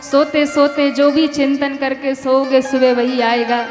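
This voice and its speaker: A woman preacher tells a devotional story in a high, slow voice and talks directly to her listeners. She sounds conversational and gently chiding. Her voice carries through a large, reverberant hall with devotional music in the background. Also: little pitch movement. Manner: conversational, addresses the audience directly, lightly chiding. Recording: echoey hall with music behind.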